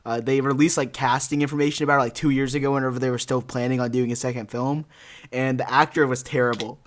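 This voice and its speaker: In a casual podcast panel about films and animation, a young American co-host talks fast in a mid-range voice with little pitch movement. He offers his opinions as an emphatic fan, with slight background noise behind him.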